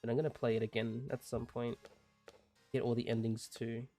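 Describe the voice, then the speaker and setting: A man streaming a game, making relaxed, offhand asides between reading the dialogue. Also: mid-range voice, moderate pace, soft background music. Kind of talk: casual gameplay commentary.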